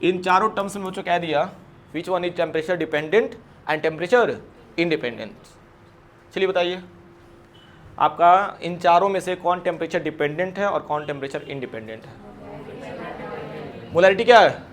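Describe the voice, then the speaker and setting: A man's voice: high voice, measured pace, long pauses, a little hiss or hum. A man teaching a chemistry lecture in a classroom, calling his students kids and asking questions that he answers himself.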